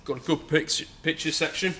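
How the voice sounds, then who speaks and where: A young English man with a fairly high, sharp-toned voice talks fairly quickly over slight background noise. He is an auctioneer giving an informal walkaround of his sale in a big indoor saleroom, chatty but hesitant and filler-laden, captured on a camera mic.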